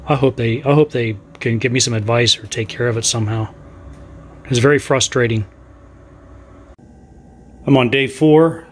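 His voice sits at medium pitch, moving at a moderate pace with frequent pauses, and a little hiss or hum runs under the recording. He's a middle-aged sailing channel host in his home's kitchen and living room, cutting and sewing canvas while casually explaining each step. He speaks in a plainspoken, frank way about his troubles as he does the hands-on work.

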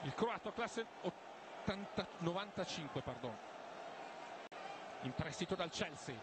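A man commentates a football match live for television. His voice is high and swings widely, with loud stadium noise behind it. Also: lively intonation, a little slow. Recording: loud noisy stadium broadcast.

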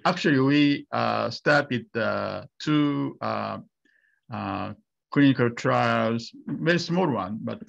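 Hesitant man with gravelly slow speech. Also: medium pitch, highs cut off. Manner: hesitant, many fillers and restarts. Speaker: invited radiation oncologist answering questions. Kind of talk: webinar Q&A answers.

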